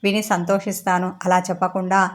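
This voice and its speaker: A woman's voice: on the low side, little pitch movement, a little fast, natural voice. Woman voicing a tender, teasing mother. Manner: gentle, coaxing. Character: affectionate, teasing middle-aged mother.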